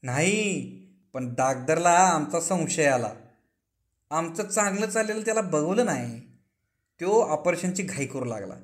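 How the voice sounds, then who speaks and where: A man's voice: a little high, expressive, unhurried. A man doing a boastful old village notable. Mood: aggrieved. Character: boastful elderly male village notable, smitten with his nurse.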